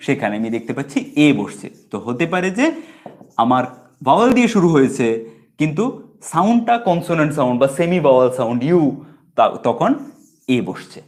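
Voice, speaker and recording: A man teaching an English grammar lesson in a relaxed, informal way, with a Bengali accent, patiently repeating example words and often checking in with "okay". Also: on the high side, brisk, pauses often.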